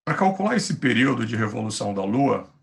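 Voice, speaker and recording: A male physics teacher with a Brazilian Portuguese accent gives an online class over a computer mic, sounding patient, reassuring, and chatty. His mid-range voice is creaky, very animated, and fast.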